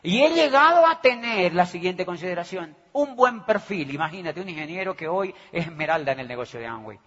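A man giving an animated motivational business talk, acting out the people in his stories and often checking that the audience follows. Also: high-pitched, brisk. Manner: animated, acts out the people in his stories, keeps asking "do you understand me". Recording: echoey hall, dull sound.

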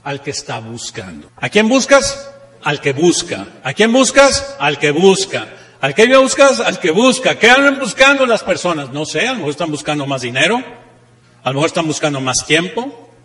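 Speaking to an audience in a seminar room, a trainer from Monterrey, Mexico, with a northern Mexican Spanish accent delivers a motivational talk full of anecdotes. His fairly high, fairly bright voice is sing-song at a moderate pace, and he hammers points home with rhetorical questions and emphatic repetition of key phrases. The hall is echoey with long reverb.

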